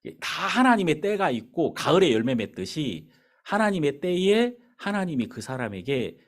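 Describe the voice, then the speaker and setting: Lively storytelling male pastor. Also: on the high side, moderate pace. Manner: animated storyteller acting out dialogue. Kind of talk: sermon with storytelling. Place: church sanctuary.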